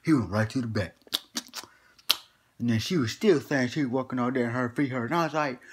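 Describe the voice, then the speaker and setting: A man's voice: mid-range voice, a little fast, breathy edge, natural voice. A man playing a boastful old grandpa who tells tall tales in a folksy, slangy drawl and chuckles between lines. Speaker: comedy skit performer. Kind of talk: comedic character monologue.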